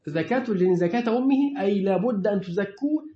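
Egyptian man, religious teacher, high voice, fires quick questions at his class; dull, lo-fi recording. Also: expressive, warm tone. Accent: Egyptian Arabic. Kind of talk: classroom lecture. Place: lecture room with students. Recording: echoey room, dull lo-fi sound.

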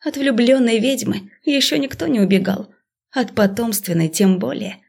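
A woman reading a first-person fantasy novel aloud, speaking expressively and dropping to a hush in intimate passages. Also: a little high, normal speed, vocal fry, slightly rough. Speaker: audiobook narrator.

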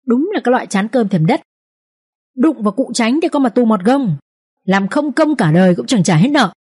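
A woman reading an audiobook voices rough village patrolmen who shout and curse gruffly. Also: fairly high pitch, lively intonation, normal speed, pitched above the performer's own voice. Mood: cursing.

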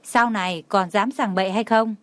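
A woman reading the lines of a calm, stern young woman who speaks flatly, for an audio novel. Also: mid-range voice, moderate pace, dry recording, natural voice. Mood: cool stern. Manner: flat, unsmiling questions.

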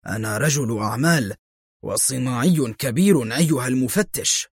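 A cornered crime boss posing as an honest businessman, voiced by a male narrator, blustering to cover his fear. The voice is husky and dry, hovering at a middling pitch in this audiobook tale. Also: moderate pace, dry recording. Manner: blustering yet shaken. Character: nervous businessman secretly leading a crime ring.

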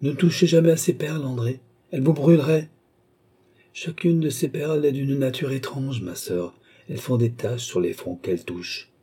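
A man reading an audiobook, voicing a stern and ceremonious young nobleman in a solemn, measured way. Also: medium pitch, mellow, breathy edge, pitched above the performer's own voice, natural voice. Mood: grave.

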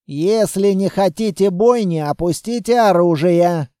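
Man as gruff barking squad chief, dark slow delivery. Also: sits high, no room sound, clean studio sound. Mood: commanding. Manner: barking orders loudly. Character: gruff commanding male militia squad leader.

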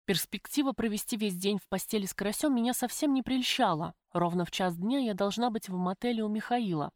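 A woman narrating a first-person audiobook at a middle pitch, even and measured in her storytelling. The recording is close and dry, with no room sound around her. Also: no echo.

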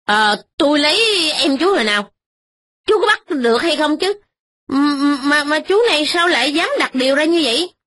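A woman voicing an evasive rich young man who stammers and answers quickly and defensively. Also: high voice, expressive, fairly bright tone, dry recording, pitched above the performer's own voice. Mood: flustered.

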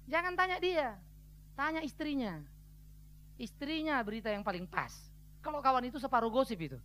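A man's voice: very high-pitched, pushed and bright. A man preaching a sermon as pastor, blunt and colloquial, speaking straight at the congregation and acting out what other people say. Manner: acts out quoted voices of other people.

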